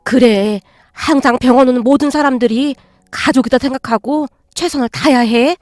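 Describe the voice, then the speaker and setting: Woman voicing a gentle, patient stepmother. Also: high voice, moderate pace, no echo, clean studio sound, lightly acted. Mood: reassuring. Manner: soft, soothing, slightly old-fashioned speech. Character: gentle, long-suffering middle-aged stepmother.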